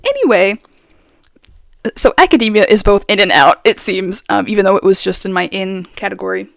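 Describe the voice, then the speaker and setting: A woman's voice: medium pitch, expressive, brisk, creaky, fairly bright tone, no echo. Chatty opinionated woman, very close mic. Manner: chatty, opinionated, lots of fillers. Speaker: vlogger. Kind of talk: casual chat.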